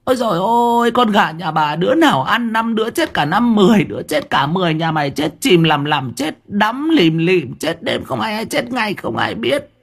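A man voicing a shrill village wife who rains rhythmic, relentless curses on a chicken thief in an audiobook. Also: animated, moderate pace, gravelly, few pauses, breathy edge. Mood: cursing. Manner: rhythmic, relentless folk cursing. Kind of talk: audiobook character voice.

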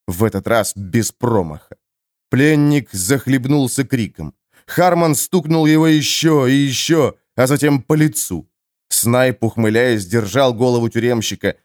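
A man narrating a fantasy novel in an expressive, dramatic audiobook reading. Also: mid-range voice, dry recording, clean studio sound. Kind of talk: scripted narration.

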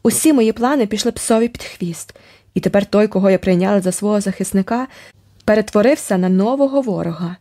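A woman narrating an adventure audiobook in the first person, with expressive, dramatic storytelling. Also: mid-range voice, a little fast.

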